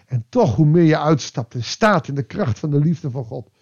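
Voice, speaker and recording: A man preaching a devotional sermon, reflective and pausing, rising with emphasis and then dropping to a quiet voice. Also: on the high side, animated, breathy edge, lo-fi sound.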